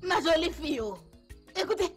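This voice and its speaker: A high, bright mother's voice bursting with exclamations and praise to God, performed by a woman in a dubbed film, with soft music underneath. She calls out again and again, loud and overjoyed. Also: animated, a little fast. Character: jubilant mother overjoyed at daughter's engagement. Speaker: mother of the bride-to-be.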